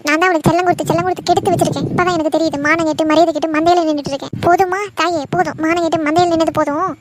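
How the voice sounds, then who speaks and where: A woman voicing an angry, scolding middle-aged mother in a cartoon drama, shrill and bitter. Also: steady tone, racing, background noise. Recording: background music under voice.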